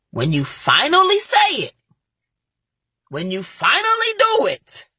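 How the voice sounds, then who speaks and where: This young motivational vlogger has a fairly low voice that sounds pushed, bright, and slightly rough, captured in clean studio sound with no echo. Speaking straight to her viewers, she preaches passionately and keeps circling back to the same phrases.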